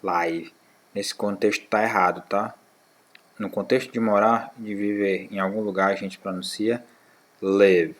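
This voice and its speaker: A man teaching a beginner English lesson to schoolchildren, saying model phrases slowly and repeating them, checking in with short "tá?" tags. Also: on the low side, level tone, a bit bright. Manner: slow, drawn-out model phrases, repeated for practice; fillers like "tá?" and "né". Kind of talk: English lesson for sixth graders.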